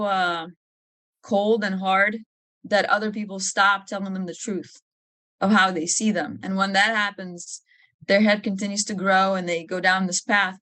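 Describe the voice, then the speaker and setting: A Lithuanian woman, an army officer appearing as a podcast guest, talks frankly and informally with a touch of humor in a candid interview. Her voice is medium in pitch with a fairly bright tone, and there's no echo.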